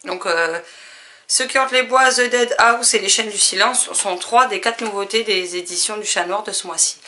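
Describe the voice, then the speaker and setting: A woman casually listing her new books, chatty and relaxed, with frequent fillers. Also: medium pitch, normal speed, a little hiss or hum. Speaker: book vlogger. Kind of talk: casual book haul chat.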